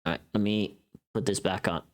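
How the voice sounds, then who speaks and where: A livestreamer and voice actor with a deep, steady voice talks fairly quickly while working. The chat is casual, full of rambling, muttering to themself, and humming.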